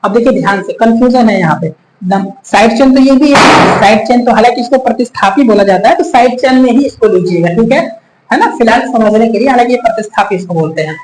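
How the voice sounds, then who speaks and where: A man's voice: very high-pitched, fast talker, noisy background. A male chemistry teacher giving a whiteboard lesson, patiently repeating steps, counting aloud and addressing his students as children. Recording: echoey room, faint ambience.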